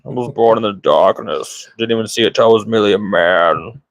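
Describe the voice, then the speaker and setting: A man doing Bane, slow theatrical menace. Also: lowish voice, creaky, no room sound. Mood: menacing boast. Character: menacing masked male supervillain, boastful. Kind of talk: jokey impression on a podcast.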